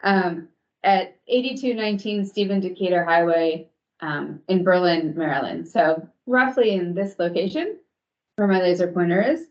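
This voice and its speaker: A woman on the commission staff gives a formal, measured briefing with a few hesitant ums, heard through remote video-call audio from a recorded online meeting. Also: lowish voice, darkish tone, lo-fi sound.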